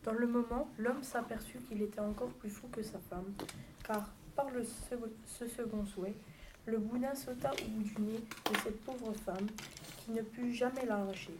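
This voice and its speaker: A woman's voice: fairly high pitch, moderate pace. Woman reading a fairy tale aloud. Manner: steady reading with small stumbles. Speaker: narrator. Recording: noisy home recording with clicks.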